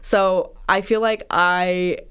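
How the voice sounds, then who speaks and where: A woman's voice: fairly low pitch, steady tone, slow pace, fairly bright tone, clean tone. Chatty young woman guest, laughing often. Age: young adult. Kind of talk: casual chat.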